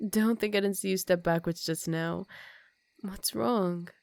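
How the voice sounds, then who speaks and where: A woman plays an ancient, aristocratic vampire countess in an intimate ASMR roleplay, speaking softly and formally with a teasing, condescending air, whispering some phrases, quietly menacing. Her medium-pitched voice is creaky and fairly even, unhurried, with no room sound.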